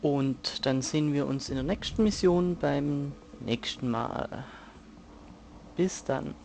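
Male let's player, understated and laconic, gravelly, unhurried, game sounds underneath. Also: on the high side, a little mellow, slight background noise. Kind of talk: casual gameplay commentary. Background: video game action sounds.

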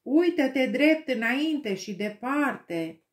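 A woman's voice: high-pitched, very animated, a little mellow, reverberant, pitched above the performer's own voice. A woman voicing a male army officer who gives urgent orders in an audiobook. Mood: questioning. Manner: urgent, commanding.

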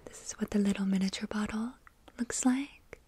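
A young woman whispering in an ASMR style, soft and intimate, close to the microphone, lingering on and repeating words. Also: mid-range voice, steady tone, moderate pace, background noise. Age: young adult. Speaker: ASMR video host.

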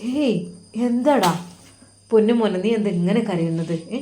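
A woman voicing a kindly, affectionate middle-aged brother-in-law who asks soft, coaxing questions. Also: mid-range voice, lively intonation, moderate pace, slight background noise, close to an everyday voice. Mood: fond, worried. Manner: soft, coaxing questions, calls him dear son.

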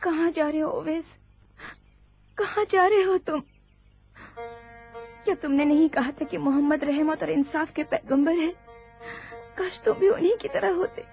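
A woman's voice: sits high, a little slow, pauses often, a little mellow, lo-fi sound, faint music behind. A woman voicing a reproachful young woman in a dubbed TV drama, talking in a pleading way. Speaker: dubbing actor.

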